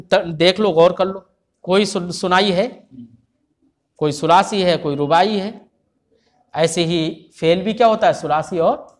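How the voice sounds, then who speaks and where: Male grammar teacher, high-pitched lecturer who keeps checking the class understands. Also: fairly bright tone. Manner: keeps quizzing listeners with rhetorical questions.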